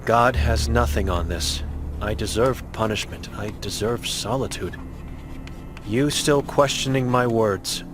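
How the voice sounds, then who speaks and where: Guy doing a grim blind old woman in a game, short broken phrases, slow with soft music under it. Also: lightly acted. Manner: terse broken phrasing, low and heavy. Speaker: game character reading a blind mute woman's chalkboard.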